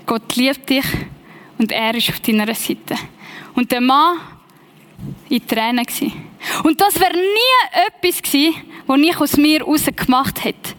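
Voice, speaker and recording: Swiss German woman, young, high voice, chatty sermon storyteller, mixes in English. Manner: lively, personal, conversational storytelling with English phrases. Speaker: preacher.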